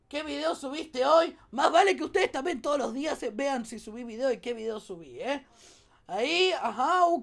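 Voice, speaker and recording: A woman with a Rioplatense Spanish accent and a high-sitting voice does excitable let's play commentary as a gaming YouTuber. She exclaims and jokes with her viewers.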